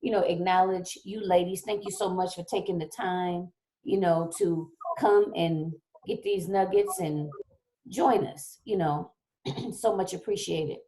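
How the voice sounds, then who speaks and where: A woman hosting a talk show with a low, mellow voice that is wearing thin. She chats casually and often repeats herself, greeting viewers over a laptop call. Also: measured pace. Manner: warm-up chatter, repeats herself while reading names. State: losing her voice. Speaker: host. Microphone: laptop on a video call.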